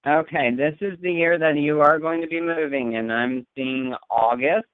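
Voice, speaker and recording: A man giving a casual live psychic reading to a caller in a halting, deliberate way. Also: fairly high pitch, clear, resonant tone, no echo. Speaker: psychic healer taking calls. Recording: dry, tinny phone line.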